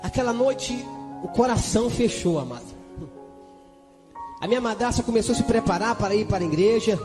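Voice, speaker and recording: A man's voice: high voice, lively intonation, fairly quick, long reverb tail, over music. A Brazilian man preaching a testimony with fervent emotion, punctuating it with hallelujahs and speaking in tongues. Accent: Brazilian Portuguese. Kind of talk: church testimony.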